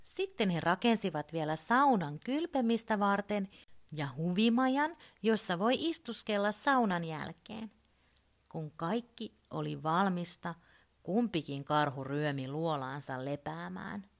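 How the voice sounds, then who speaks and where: A woman gently reading a children's story aloud. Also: lowish voice, animated.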